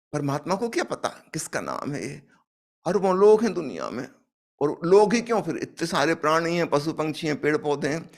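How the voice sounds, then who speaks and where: Lively-pitched man telling a spiritual parable. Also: creaky. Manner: storytelling, acts out dialogue, emphatic rises. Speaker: spiritual speaker.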